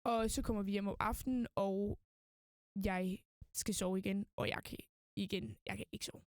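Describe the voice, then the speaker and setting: A young woman speaking as a podcast guest, recounting events in a loose, rambling way with lots of fillers and quoted inner thoughts. Her voice sits at an ordinary middle pitch. The sound is dry and close, with no room echo. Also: steady tone. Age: young adult. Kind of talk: casual storytelling interview.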